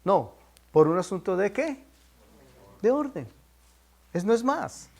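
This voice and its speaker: A man's voice: sits high, very animated, slow, vocal fry, a little mellow. A man teaching a Bible class, stressing his points by repeating them and prompting listeners with questions. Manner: emphatic, repeats key points.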